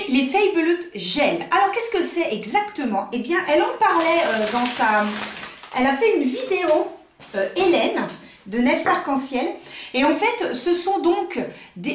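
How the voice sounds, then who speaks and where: A French woman and nail technician chatting casually while unboxing, thinking aloud with many fillers. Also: high-pitched. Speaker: nail technician and makeup artist. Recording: roomy echo.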